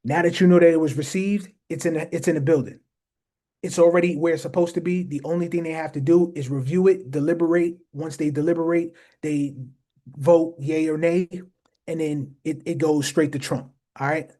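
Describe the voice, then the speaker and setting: A man's voice: fairly high pitch, steady tone, normal speed, dark tone. A man hosting a casual explainer talk, speaking emphatically to his viewers and often repeating phrases for stress. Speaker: host.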